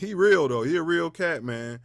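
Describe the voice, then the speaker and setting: A man's voice: fairly high pitch, lively intonation, moderate pace, a bit bright, dry recording, studio quality. A middle-aged man co-hosting a casual sports talk show, telling loose, slangy stories and laughing easily. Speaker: co-host.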